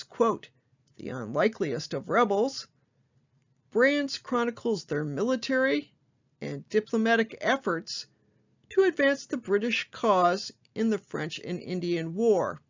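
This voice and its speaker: Slow, measured woman librarian reading reviews. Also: medium pitch. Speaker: librarian host. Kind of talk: reading book reviews aloud. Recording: dull lo-fi sound.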